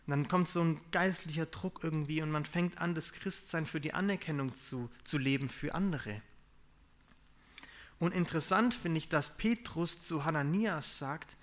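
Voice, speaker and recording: A young man preaching in a relaxed, conversational way, confessing his own failings and acting out what people say. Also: a little high, normal speed. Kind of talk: casual sermon.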